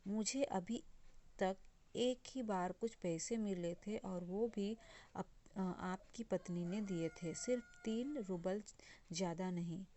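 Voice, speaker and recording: A woman's voice: mid-range voice, slow, warm tone, close to an everyday voice. A woman reading as a timid young governess. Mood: meek. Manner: reads quoted lines aloud from a textbook.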